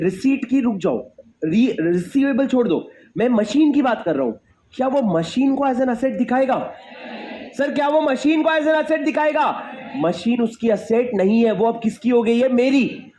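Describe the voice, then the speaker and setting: Man, high voice, classroom lecture, emphatic, repeats questions, calls on students. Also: darkish tone, slight background noise. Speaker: teacher.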